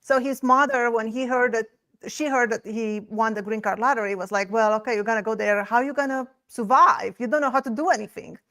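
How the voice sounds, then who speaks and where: A woman's voice: on the high side, steady tone, a little fast, a bit bright. A woman from Romania, a guest on an interview show, telling her story in an open, chatty way. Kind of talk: casual interview.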